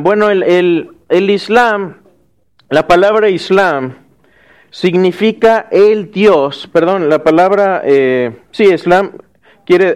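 A man teaching a class. He lectures and asks his students questions, checking in often with quick tag questions and restarting words as he goes. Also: on the high side, clean tone.

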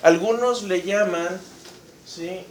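A man's voice: high-pitched, slow, a little hiss or hum. A man teaching a Bible study class in a conversational way, often asking the group questions. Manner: frequent restarts and fillers. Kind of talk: church class lecture.

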